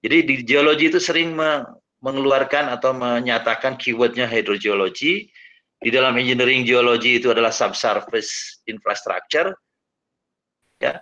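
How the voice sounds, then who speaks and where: A man presents a lecture in an online webinar, speaking unhurriedly with many hesitant fillers. His voice is bright and forward. The audio is dull and lo-fi, choppy and breaking up over a bad connection. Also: medium pitch, steady tone, normal speed. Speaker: geology lecturer.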